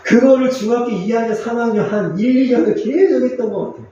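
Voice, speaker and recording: A man pastor preaching a sermon in a church, earnest and confessional, with pauses and fillers. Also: extremely high pitch, mellow, very echoey, lo-fi sound. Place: church sanctuary.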